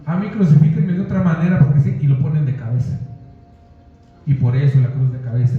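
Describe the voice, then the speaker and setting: A man preaching a sermon as a pastor, talking straight to his listeners. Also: fairly high pitch. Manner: conversational preaching, addressing listeners directly. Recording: echoey hall, dull lo-fi sound.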